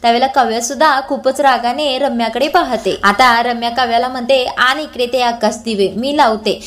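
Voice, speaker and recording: Woman with a Marathi accent, high voice, casual serial recap that reads all the dialogue herself. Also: steady tone, moderate pace, a bit bright. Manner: reads every character's lines in her own voice; small hesitations and restarts. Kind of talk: retelling a TV serial episode.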